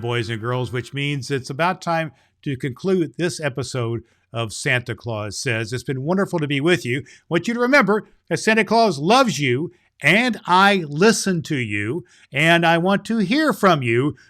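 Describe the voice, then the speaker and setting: A man playing a jolly, kindly Santa Claus, hosting a children's show and reading stories in an expressive, folksy way. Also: on the high side.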